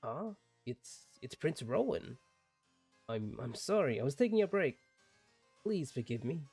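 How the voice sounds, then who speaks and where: A man's voice: mid-range voice, big pitch swings, a little slow, darkish tone, slightly rough, no room sound, faint music behind, full character voice. A man voicing a lazy castle guard who stammers when he gets flustered, read while playing a game.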